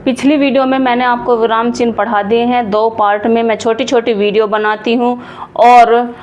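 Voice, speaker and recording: A woman's voice: on the high side, level tone, moderate pace, darkish tone, lo-fi sound, a little hiss or hum. A young adult woman teaching a grammar lesson, explaining step by step, often rephrasing and answering her own questions. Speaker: Hindi teacher. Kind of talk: classroom-style grammar lesson.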